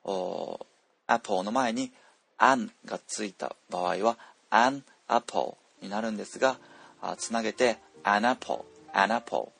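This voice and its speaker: A man teaching pronunciation, explaining slowly with many drawn-out fillers and repeating example words aloud. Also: fairly low pitch, vocal fry, a bit bright, husky, no echo. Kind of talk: explanatory lesson, casual spoken.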